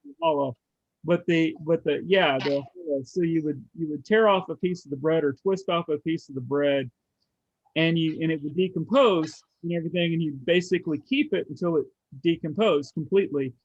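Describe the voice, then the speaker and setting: A man on a video call in a casual group discussion, speaking haltingly with many restarts as he thinks aloud. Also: on the high side, dry recording. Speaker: study group member. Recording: muffled video call audio.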